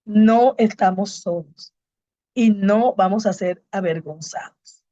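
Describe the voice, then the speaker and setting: A woman's voice: medium pitch, takes it slowly, dark tone, no echo, dull audio. A woman pastor and evangelist, giving a fervent preaching testimony to a congregation and repeating her key phrases. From Colombia.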